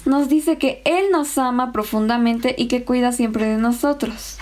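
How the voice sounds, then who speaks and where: Slow, mellow-voiced woman. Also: on the high side, steady tone, a little hiss or hum. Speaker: Sunday school teacher. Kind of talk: children's Bible lesson.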